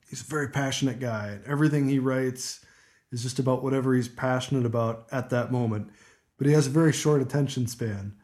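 A man's voice: medium pitch, a little mellow. A man co-hosting a music podcast, chatting casually with lots of fillers and frequent laughter. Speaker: podcast co-host.

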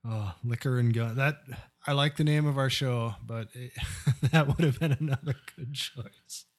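A man's voice: medium pitch, moderate pace. A man from Nebraska co-hosting a podcast in casual chat, laughing often and talking animatedly. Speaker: podcast co-host.

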